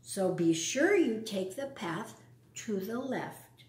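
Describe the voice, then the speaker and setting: Protective rabbit parents laying out a warning slowly and with emphasis, as a woman reads them from a storybook. The pitch swings widely, and the voice echoes around a roomy space. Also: sing-song, a little mellow, distant mic. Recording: echoey room.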